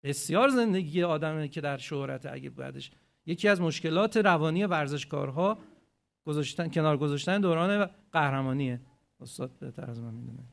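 A man giving a religious talk to a gathering, animated, swinging between loud emphatic phrases and quiet asides, and asking his listeners rhetorical questions. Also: a little high, creaky. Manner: asks the audience rhetorical questions. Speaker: preacher.

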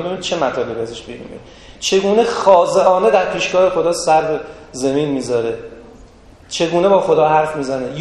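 A male preacher with a somewhat high voice, giving a sermon in a large echoey hall with a long reverb tail. He recites Arabic sayings in a slow, measured way and then explains them. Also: darkish tone. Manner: ends with a prayer. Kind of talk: religious lecture.

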